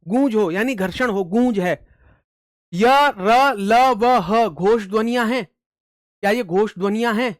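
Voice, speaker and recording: A man's voice: high voice, normal speed, dry recording, studio quality. Man drilling students with call-and-answer questions. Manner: recites letter series loudly, emphatic. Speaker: exam coaching teacher. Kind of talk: online exam-prep lesson.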